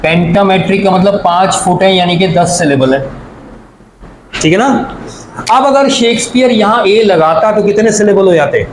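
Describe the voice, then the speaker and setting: A man's voice: high voice, normal speed. A male teacher with a Karachi Urdu accent, giving a classroom lecture, explaining step by step and putting questions to the class. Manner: explains step by step, counts syllables aloud, asks the class questions. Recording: echoey room with faint background noise.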